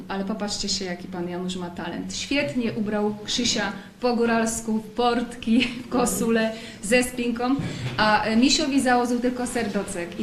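A woman hosting a live book event, chatty and playful as she introduces the readers. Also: a little high. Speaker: event host. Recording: echoey hall, faint noise.

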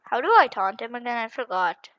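Frantic young woman gaming, bright voice. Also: on the high side, big pitch swings, fairly quick, dry recording, lo-fi sound. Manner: frantic, repeats phrases, drops to whispers when hiding. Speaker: gaming channel host. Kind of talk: excited gameplay commentary.

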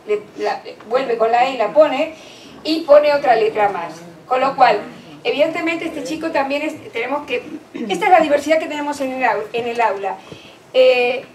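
High-voiced woman lecturing in a hall. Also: a little mellow. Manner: explains with many fillers and restarts, reads children's texts aloud. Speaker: lecturer on early literacy. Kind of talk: conference lecture. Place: conference hall. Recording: echoey hall, distant mic, faint noise.

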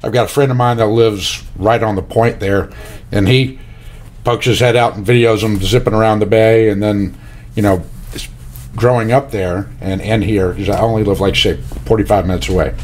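A middle-aged man hosts an interview from home, speaking into a headset. His voice is on the low side, and he rambles along easily with many uhs. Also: fairly even intonation, normal speed, a little hiss or hum. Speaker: podcast host. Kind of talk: video call interview. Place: home room, indoors.

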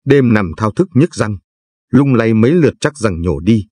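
An older man from Vietnam, a Buddhist lay narrator, reciting scripture and verse in a slow, solemn, chanting way with a husky voice. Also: on the low side, lively intonation, darkish tone, no echo.

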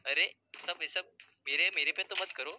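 A young man with a somewhat high voice argues over in-game voice chat, pressing the same point again and again. He sounds insistent and pleading rather than shouting. Clear background noise runs under the headset audio. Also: moderate pace. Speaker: game streamer.

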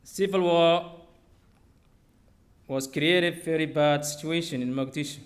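A young man from Somalia, reading a personal story aloud from notes at a lectern on a theater stage, into a podium microphone, with simple, steady phrasing. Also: on the high side, a little slow. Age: young adult.

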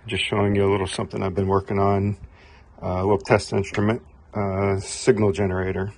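A man's voice: fairly low pitch, a little fast. A middle-aged man in his garage, casually demonstrating a homemade test tool with many fillers. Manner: relaxed, rambling, filler-heavy. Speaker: HVAC technician demonstrating a tool. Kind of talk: casual workshop demo. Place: home garage workbench, indoors. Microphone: camera mic, speaker off-frame behind camera.

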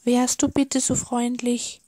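A timid octopus asks for things shyly and politely, often stammering a little, as a woman puts him on. He speaks slowly in a children's storybook reading. The sound is close and dry. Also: on the high side, level tone, warm tone, dry recording. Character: timid, worried male octopus, shy and polite.

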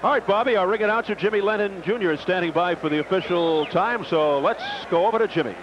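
A man's voice: high voice, fast talker. An American man doing play-by-play sports commentary from ringside as a boxing broadcaster. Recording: noisy, dull old TV broadcast tape.

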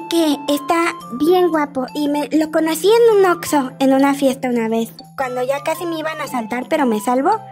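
A very high, childlike little girl acted by a woman chatters with a Mexican accent. She is an earnest rich kid in a game role-play, rambling on over faint background music. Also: a little mellow, close to an everyday voice.

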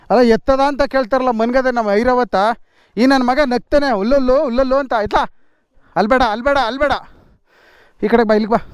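A man with a high voice leads an off-road ride on a forest dirt trail, recorded on a camera mic as he goes. He talks fast, firing off repeated instructions to fellow riders and laughing often. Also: clean tone, dry recording. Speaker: motovlogger leading an off-road ride. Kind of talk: casual on-the-spot vlog talk.

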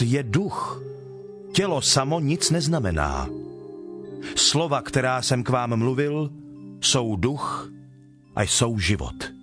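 An actor playing Jesus, a solemn teacher speaking in measured declarations in a dramatized scripture reading. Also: male voice, medium pitch, close to an everyday voice. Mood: grave, challenging. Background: background music.

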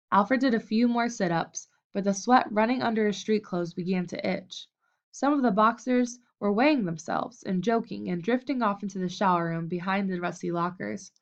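A woman narrating a novel as an audiobook, in a steady, even storytelling manner. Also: medium pitch, creaky, dull audio.

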